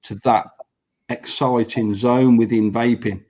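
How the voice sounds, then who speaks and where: Braces slightly affect this man's speech as he chats in a casual panel, a business owner appearing as a podcast guest. Earnest and freely swearing, he repeats points for emphasis in a mid-range, steady, dark voice at a slightly slow pace.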